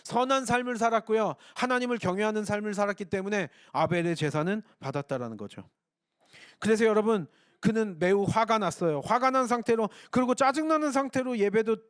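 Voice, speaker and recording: A man's voice: high-pitched, no room sound, studio quality. A man, a pastor, preaching a Sunday sermon earnestly, often calling on his congregation and acting out short lines of dialogue. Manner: earnest, addresses congregation repeatedly, acts out dialogue.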